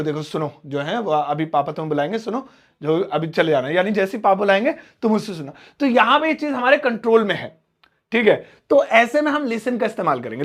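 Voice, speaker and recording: In this explanatory spoken English lesson delivered in Hindi, a young man teaches simple English in a high, slightly bright voice. He repeats the key words and acts out examples from daily life.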